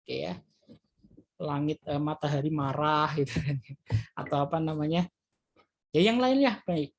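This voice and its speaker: A man's voice: on the high side, unhurried, vocal fry. Give me a male teacher talking through an exam review in a loose, hesitant way, full of filler tags. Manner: addresses students warmly as children. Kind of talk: classroom exam review lesson.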